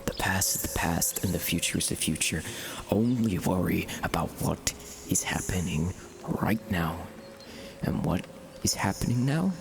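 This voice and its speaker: A man doing a deep whispering divine guide. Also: vocal fry. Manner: solemn, measured counsel. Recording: noisy background hiss.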